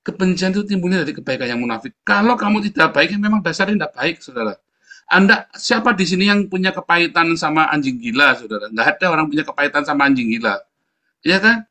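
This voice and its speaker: Bright, mocking man preaching to brothers. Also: fairly high pitch, animated, fast. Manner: mocking, combative, keeps saying "saudara". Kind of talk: preachy commentary.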